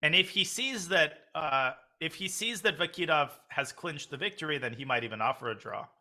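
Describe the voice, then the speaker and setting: A man's voice: fairly high pitch, animated, moderate pace, bright, forceful tone. A man hosting live chess tournament commentary in a conversational way, talking positions over with a co-commentator. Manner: conversational, poses questions to co-commentator.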